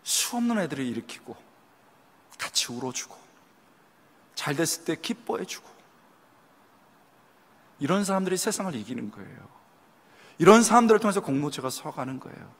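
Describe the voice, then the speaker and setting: A man preaching a sermon to young adults, telling stories with lively delivery and acting out people's lines. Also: a little high, normal speed, pauses often. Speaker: pastor. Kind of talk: sermon at a youth retreat. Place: church sanctuary. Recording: long hall reverb.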